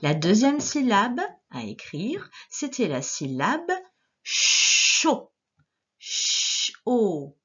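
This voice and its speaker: A woman teacher giving a dictation lesson to young children, sounding out each syllable slowly and clearly. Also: medium pitch, wildly swooping pitch, dull audio. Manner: slow, clearly articulated syllables with gestures.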